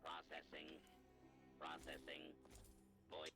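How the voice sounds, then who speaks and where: An actor voicing a male bank security computer with a synthetic terminal voice, making flat, clipped machine announcements. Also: a bass voice, takes it slowly, gravelly, music in the background, exaggerated voice. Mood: mechanical.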